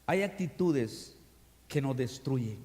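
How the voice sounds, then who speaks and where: A man, a pastor, preaching a sermon to his congregation during an evening service, reading scripture aloud and speaking to them directly. He swings between loud proclamations and quiet, confiding asides. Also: mid-range voice, lively intonation, slow. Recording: long reverb of a church hall.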